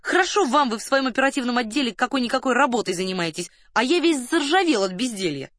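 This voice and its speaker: A woman's voice: a little high, animated, fast talker, fairly bright tone, no room sound, clean studio sound, pitched above the performer's own voice. A woman voicing a restless, swaggering male general, breezy and dismissive.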